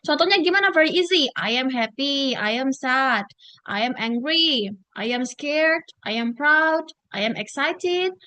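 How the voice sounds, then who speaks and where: This is a woman with an Indonesian accent, teaching English online. Her voice sits high, and the sound is close and dry. She switches between English and Indonesian and drills words slowly, one at a time. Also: lively intonation, pushed and bright, no echo.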